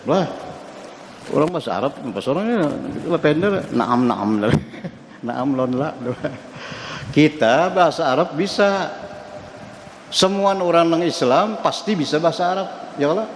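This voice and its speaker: A man's voice: on the high side, expressive, measured pace, long pauses. Fields: Sex: man. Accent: Banjar. Role: mosque teacher. Style: study-circle lecture. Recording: echoey hall with long reverb, faint noise. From South Kalimantan, Indonesia. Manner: conversational, asks the audience questions and chuckles. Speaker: religious teacher.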